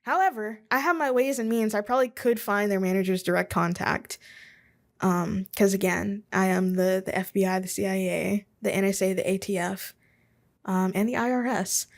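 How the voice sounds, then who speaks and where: A woman in her twenties hosts a casual solo podcast from her home office, rambling along with chuckles, asides and self-deprecating remarks. Her mid-range voice is creaky and moves at a moderate pace.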